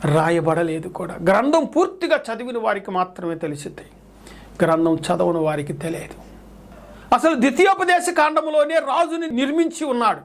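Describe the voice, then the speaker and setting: A man preaching a sermon as pastor, repeating scripture phrase by phrase and pressing his points with emphatic rhetorical questions. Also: sits high.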